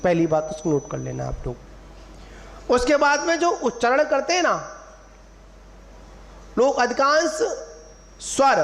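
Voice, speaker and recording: A man's voice: extremely high pitch, fairly bright tone, a little hiss or hum. A man, a monk, giving a sermon to an assembly, drawing out syllables to teach pronunciation and quizzing his listeners. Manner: teacherly, drawing out syllables to model pronunciation, asks the audience questions. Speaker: Jain monk preacher. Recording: long hall reverb, faint room ambience.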